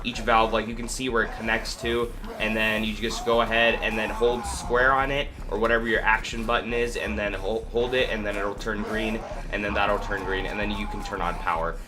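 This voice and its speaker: Over music, a man with a low-leaning voice talks fairly quickly in a level tone, barely pausing. He's a gaming video host with a cold, congested and sniffling, giving a casual, rambling, hesitant walkthrough packed with fillers, with clear background noise.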